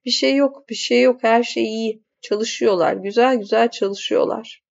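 A woman's voice: fairly high pitch, fairly even intonation, a little slow, creaky. A woman voicing an irritable middle-aged man. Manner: raises voice, snaps. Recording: dull lo-fi audiobook recording.

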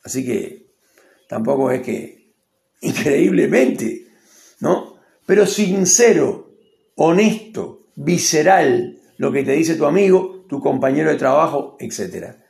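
A man's voice: a little high, animated, slow, vocal fry, darkish tone. A man with a Rioplatense accent giving a rambling, opinionated casual monologue and acting out quotes. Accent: Rioplatense Spanish. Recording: echoey room.

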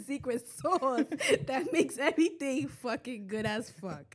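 A young woman co-hosts a podcast in casual, slangy chat with a high voice. She laughs often while telling stories and swears freely. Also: a bit bright. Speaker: podcast co-host.

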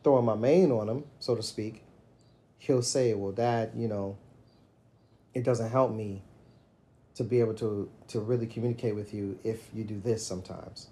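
A middle-aged man in casual conversation, reflecting on fatherhood and telling stories, getting animated when he quotes himself. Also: fairly low pitch, moderate pace. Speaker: podcast co-host.

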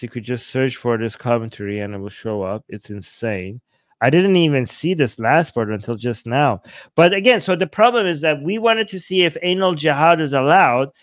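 On a livestream, a man with a fairly high voice reads texts and viewer messages aloud and comments on them casually. He's animated, mock-incredulous and prone to digressions, and the recording is dry.

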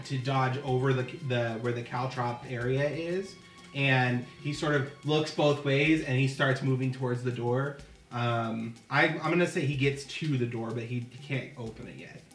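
A man running a tabletop game as game master, narrating in a relaxed, halting way with many fillers. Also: medium pitch, reverberant.

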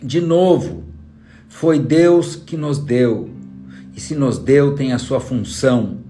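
A man's voice: mid-range voice, slow pace, warm tone. A man giving an emphatic motivational talk as a trainer, full of rhetorical questions aimed at the listener. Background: faint guitar music.

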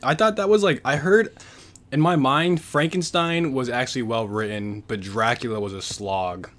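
A young man hosts a casual book podcast. He rambles through a retelling in loose slang, stacking "like" and "bro" as he goes. His voice sits at an ordinary middle pitch. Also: moderate pace, fairly bright tone. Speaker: podcast host.

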